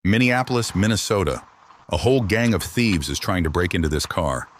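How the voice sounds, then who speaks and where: Deep-voiced male video narrator. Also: brisk, slight background noise.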